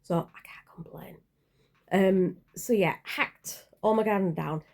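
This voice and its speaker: A woman in her forties talks to her camera in a loose, unhurried vlog chat. Her voice is soft and mellow, and she rambles, pausing on fillers and correcting herself as she goes. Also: medium pitch, creaky. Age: 40s. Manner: rambling, hesitant, with many fillers and self-corrections. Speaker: channel creator.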